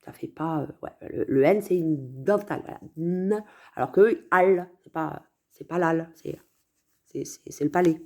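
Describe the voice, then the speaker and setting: A woman's voice: sits low, unhurried, warm tone. A woman musing aloud in a casual vlog monologue, hesitant, with many fillers and restarts.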